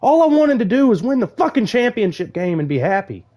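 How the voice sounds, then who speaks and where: A young man with a drawl rants at the game on his live stream. He is fed up and swears constantly. His voice sits a touch high. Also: sing-song, brisk, warm tone. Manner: angry swearing rant, frustrated.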